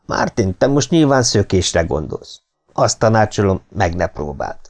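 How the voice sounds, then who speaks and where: Man reading a cold, commanding kidnapper. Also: on the low side. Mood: threatening. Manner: calm, threatening. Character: cold, commanding middle-aged male kidnapper.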